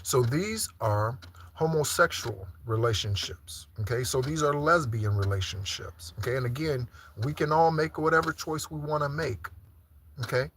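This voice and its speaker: A man's voice: medium pitch, normal speed, a bit bright, slight background noise. A man preaching an informal live-streamed sermon, teaching through repeated rhetorical questions and frequent check-ins. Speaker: preacher leading an online Sunday service.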